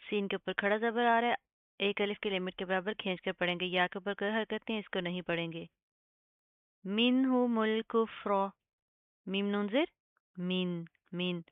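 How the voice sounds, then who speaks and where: A woman's voice: medium pitch, fairly even intonation, quick pace, clean tone, no room sound. Patient female tajweed teacher, phone-thin sound. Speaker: Quran recitation teacher. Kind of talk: tajweed lesson. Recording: dry, phone-like narrow sound.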